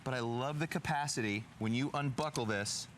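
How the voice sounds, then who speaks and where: A man's voice: medium pitch, moderate pace. A man demonstrating a product live outdoors like a home shopping host, folksy and emphatic, often repeating himself for effect. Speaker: product pitchman and guest. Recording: faint ambient noise behind the voice.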